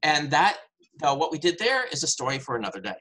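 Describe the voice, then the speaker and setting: A man's voice: on the high side, very animated, fast talker, bright, forceful tone, low-quality recording. A man telling a playful tall tale and hosting turns in an improvised storytelling game over a video call. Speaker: game host and player.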